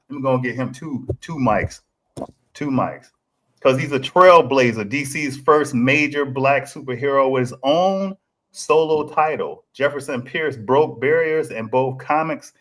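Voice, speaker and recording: A man's voice: mid-range voice, fairly bright tone. A man hosting a casual podcast chat, laid-back and often restarting his words. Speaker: podcast host. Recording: roomy echo.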